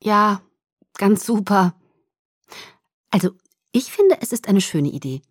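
A woman's voice: medium pitch, animated, slow pace, breathy edge, no room sound, clean studio sound. A woman voicing an eager, cheerful young woman in an audiobook, bubbly and emphatic. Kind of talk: audiobook character voice.

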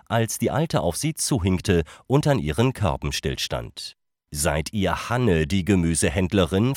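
Male storybook narrator, very deep voice, lively melodic delivery, dry recording. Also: no room sound. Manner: expressive fairy-tale narration. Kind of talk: storybook reading.

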